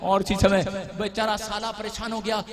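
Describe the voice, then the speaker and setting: North Indian man, preacher, very high voice, bursts into shouted declarations, congregation answering in the background. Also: monotone, moderate pace. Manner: swings from chatty joking to shouted declarations. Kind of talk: charismatic sermon with jokes. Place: church service with responding congregation. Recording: live church hall with crowd responses.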